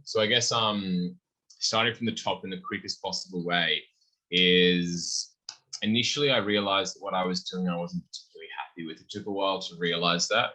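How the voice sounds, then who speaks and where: In a low-quality recording, a podcast guest (a young man behind a beverage company) chats in a relaxed interview and animatedly performs lines of quoted dialogue. His voice sits low.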